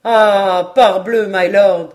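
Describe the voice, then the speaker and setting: A woman voicing an eager, absent-minded male French geographer who talks in lively, emphatic exclamations in an audiobook. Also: mid-range voice, a little slow, close to an everyday voice. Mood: excited.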